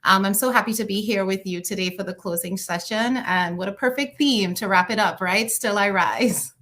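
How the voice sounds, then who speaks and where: A woman's voice: mid-range voice, moderate pace, fairly bright tone. A woman from Trinidad and Tobago with a Trinidadian accent, giving a cheerful, friendly self-introduction as a panelist. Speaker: panelist, small business owner.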